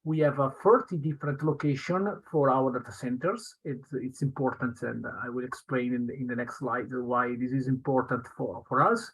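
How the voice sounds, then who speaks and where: A man from Italy with an Italian accent presents a webinar in halting, broken non-native English, as a solution engineer going through slides. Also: medium pitch, fairly even intonation, fairly bright tone, slightly rough, low-quality recording. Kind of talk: semi-scripted slide presentation.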